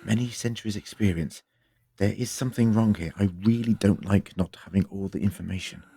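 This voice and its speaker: A man playing a grave, cautious time-travelling doctor in an audio drama, explaining in an earnest, measured way. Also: on the low side, gravelly, mellow, husky. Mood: stern, earnest.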